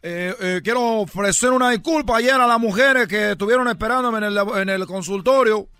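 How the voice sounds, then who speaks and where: A man voicing a boastful Cuban baseball player with a Cuban accent in a comedic radio bit, loud and rambling, repeating himself. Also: sits high, moderate pace, clear, resonant tone, no room sound, faint music behind. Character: boastful Cuban ballplayer, adult man, brash joker.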